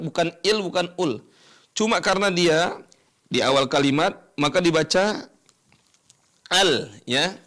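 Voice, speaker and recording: A man teaching Quran recitation rules step by step, asking and answering his own questions and chanting examples slowly. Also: high-pitched, fairly bright tone. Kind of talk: educational lesson explaining tajwid rules.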